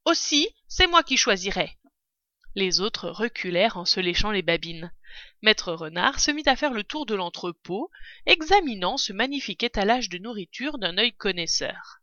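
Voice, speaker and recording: Bright, expressive woman reading a story. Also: medium pitch, no echo, muffled recording. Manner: expressive, measured. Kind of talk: storybook narration.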